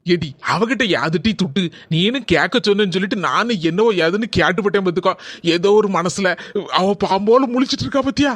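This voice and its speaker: A man's voice: high voice, animated, brisk, a bit bright, no echo, studio quality. A man with a Kanyakumari Tamil accent voicing an easily led young husband in a cartoon, in a pleading, coaxing manner.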